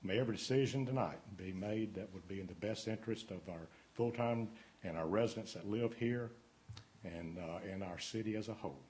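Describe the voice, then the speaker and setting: A man's voice: on the low side, brisk, darkish tone. A man, a city councilman, leading an earnest spoken prayer that halts and restarts now and then.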